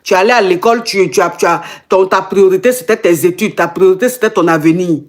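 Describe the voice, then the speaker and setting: A woman's voice: lowish voice, quick pace, a little hiss or hum. A woman hosting a call-in as a relationship coach, giving casual advice emphatically and repeating her phrases.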